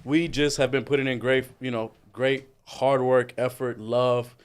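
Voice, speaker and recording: A young man who owns a restaurant, talking as a guest in an energetic, enthusiastic way. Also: mid-range voice, a little slow, smooth. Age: young adult. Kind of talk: casual interview chat.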